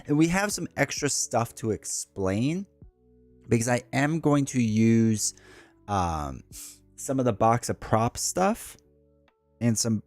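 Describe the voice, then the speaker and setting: Slow but animated, a man with a medium-pitched, darkish voice chats rambling and casual while live-streaming a solo board game from home. He's stuffed up from a cold, drifts through asides and fillers, and faint music plays behind him.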